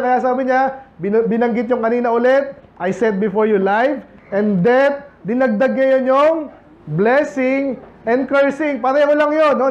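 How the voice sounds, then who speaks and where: A Filipino man preaching a sermon as pastor, talking conversationally to the congregation and rising to emphatic points. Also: extremely high pitch. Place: church. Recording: echoey church room, dull lo-fi sound.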